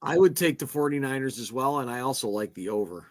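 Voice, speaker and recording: A man's voice: mid-range voice, lively intonation. Blunt man chiming in on football. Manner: chimes in with quick blunt opinions. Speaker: sports betting podcast co-host. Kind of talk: casual sports picks chat.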